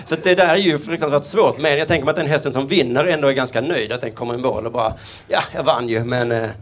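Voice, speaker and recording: A man doing a stand-up routine, telling absurd deadpan jokes and slipping into quick voiced asides. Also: on the high side. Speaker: stand-up comedian. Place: comedy stage before a live audience. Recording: stage mic with loud audience laughter.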